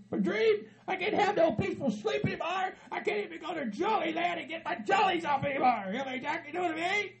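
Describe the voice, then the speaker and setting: In a comedy sketch, a man gives a full character voice as a frantic, aging hillbilly husband with a Southern hillbilly accent. His voice is high-pitched and gravelly, and he stammers, rambles, and laughs through his words while yelling and cussing.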